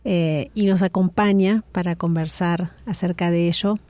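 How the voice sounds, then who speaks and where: A woman hosting a radio interview, speaking in a measured way with frequent fillers. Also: lowish voice, fairly even intonation, dark tone, dry recording.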